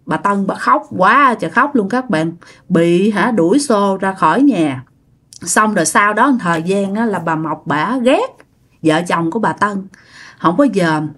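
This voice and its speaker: A woman casually telling a ghost story to her listeners, chatty and full of fillers. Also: mid-range voice.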